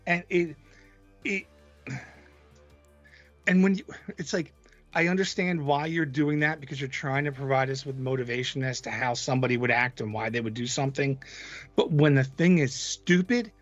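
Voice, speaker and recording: A man's voice: medium pitch, normal speed, lo-fi sound, faint music behind. A man co-hosting a movie review podcast, blunt and exasperated, swearing casually. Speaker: podcast co-host.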